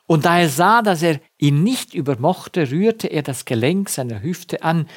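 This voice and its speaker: A man preaching a sermon, slow and emphatic, swinging between loud, stressed passages and hushed ones. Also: fairly high pitch, expressive.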